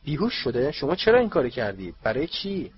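Breathless jovial official, man's put-on voice, high, questioning, lo-fi audiobook. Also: big pitch swings, slightly rough. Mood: flustered. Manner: breathless, rapid-fire questions. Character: flustered, jovial middle-aged male sports official. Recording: dull lo-fi recording.

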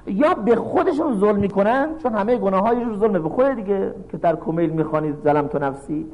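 Animated male preacher telling a story. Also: high voice, low-quality recording. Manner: animated storytelling, acts out quoted voices; recites Arabic verses then explains. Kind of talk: sermon.

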